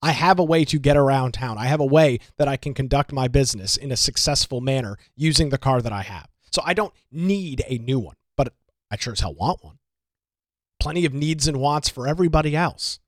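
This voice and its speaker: A man's voice: medium pitch, fairly quick, hardly any pauses, no echo, studio quality. A man hosting solo local political commentary, sarcastic and emphatic, repeating his points for effect.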